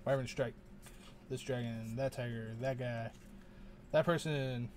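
Opening card packs for his channel, a man hosts a relaxed unboxing, muttering and rambling and frequently unsure of how to phrase things. He has a steady, mid-range voice, a little slow, with slight hiss or hum in the background.

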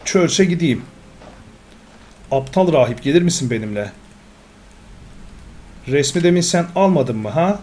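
Excitable man narrating gameplay. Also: on the high side, unhurried, pauses often. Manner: talks to himself, excitable, exasperated. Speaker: gamer. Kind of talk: Let's Play commentary.

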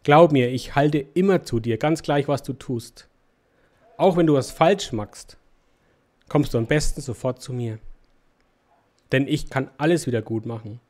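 A man reading aloud as a gentle, loving king from a children's storybook, speaking calmly and reassuringly. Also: medium pitch, unhurried, long pauses, natural voice. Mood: tender. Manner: calm, tender, reassuring.

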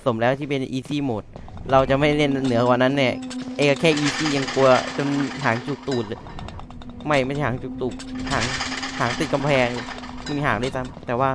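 A man gives casual horror game commentary, muttering to himself and cursing at every scare. His voice sits at an ordinary middle pitch. A steady noise hums behind him in a home recording. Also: normal speed. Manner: jumpy, talks to himself and swears when startled. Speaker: let's-play gamer.

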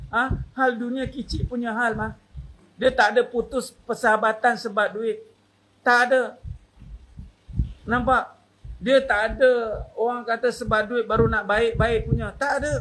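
A man's voice: very high-pitched, a bit bright, rough recording. A man with a Malaysian accent giving a religious talk as a preacher, emphatic, slipping in English words and asking his listeners "ha?" between points. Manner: emphatic, punctuates points with questioning "ha?".

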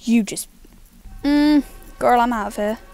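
A woman narrating her own gameplay in a casual, jittery way. She speaks mostly in a hushed, nervous tone and bursts out loud when excited. Her voice sits a little high, and faint music plays behind her. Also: unhurried. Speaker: gaming YouTuber.

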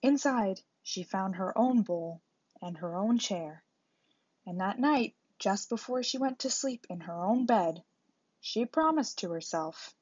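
A woman reading a storybook aloud for a library storytime, in an expressive read-aloud manner. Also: medium pitch, slow pace, breathy edge, no room sound. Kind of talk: bilingual storybook narration. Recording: dull lo-fi recording.

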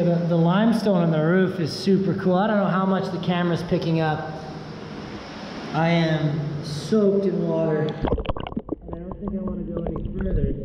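A young man giving casual, awed handheld vlog commentary, exclaiming as he goes, with his voice echoing in a cave. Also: high voice. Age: young adult. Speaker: vlogger. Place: inside a rock cave with running water. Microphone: handheld camera. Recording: muffled cave echo, loud water noise.

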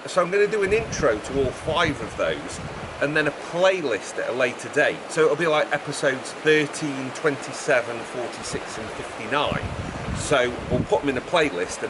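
A middle-aged man, talking casually to camera in a raised, projected voice as he explains a project. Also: medium pitch. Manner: chatty, raised voice projected over background noise. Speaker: vlogger presenting a build project. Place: outdoors beside a fast-flowing river. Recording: outdoor recording with rushing river noise.

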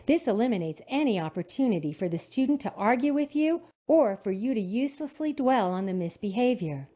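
A woman narrates a teacher-training video in a calm, instructive voice. Her intonation moves a lot, and her tone is mellow. The recording sounds dull and lo-fi. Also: a little high, a little fast. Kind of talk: scripted narration.

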